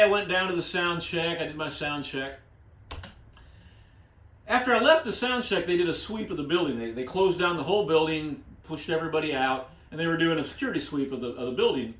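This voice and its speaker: A man's voice: a little high, expressive, brisk, a bit bright. A man in his sixties, a musician host, casually telling a story with frequent laughs and restarts. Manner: chatty, frequent laughs and restarts, "you know". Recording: roomy echo.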